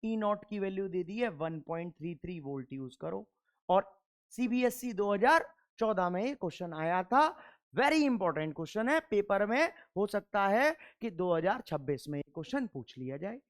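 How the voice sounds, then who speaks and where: A man's voice: high voice, lively intonation, normal speed. A male chemistry teacher giving a classroom lecture. He works through problems, keeps asking questions and answering them himself, and drills his points sternly and emphatically through repetition.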